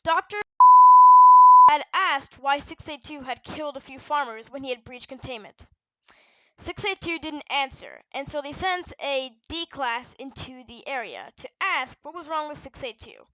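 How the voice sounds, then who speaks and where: Presenting a fictional research audio log, a woman narrates in a matter-of-fact, explanatory manner, partly from a script and occasionally correcting herself. Her high-sitting voice has lively intonation and a sharp tone at a normal speed. The recording is rough, with no room sound.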